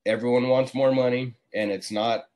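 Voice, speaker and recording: Medium-pitched with a darkish tone, this easygoing forty-something contractor talks at a moderate pace and with fairly even intonation. He's a guest in a casual interview, joining a video call from a small indoor room on his computer mic.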